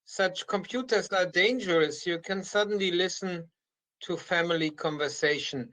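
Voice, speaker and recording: A man's voice: sits high, moderate pace, fairly bright tone, poor audio. A man hosting an online conference, moderating and handing the floor from one speaker to the next.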